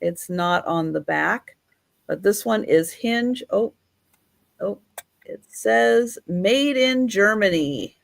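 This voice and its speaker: Woman doing a live online sale, really slow talker, chatty and measured, medium pitch. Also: lively intonation, vocal fry. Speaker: live auction seller. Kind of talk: live sale patter, describing items.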